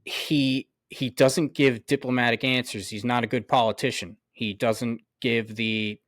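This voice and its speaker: A man co-hosting a sports podcast, ranting heatedly with lots of swearing, his voice jumping loud and high. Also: fairly even intonation, a little slow, dry recording, studio quality. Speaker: podcast co-host. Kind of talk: sports talk rant.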